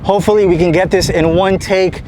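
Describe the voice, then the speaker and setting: An American man with an energetic, enthusiastic manner, talking fast and unscripted as he presents a car outdoors on a city street. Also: high-pitched, a little hiss or hum. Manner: energetic, enthusiastic, talks fast in long run-on sentences. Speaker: shop owner presenting a car.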